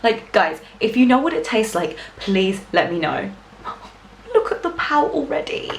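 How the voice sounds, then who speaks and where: A bubbly woman vlogger gushes through a casual reaction chat, her lively voice leaping up and down and sitting a little high. She laughs often. The sound is roomy and echoey, with music playing behind her. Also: unhurried, slight background noise.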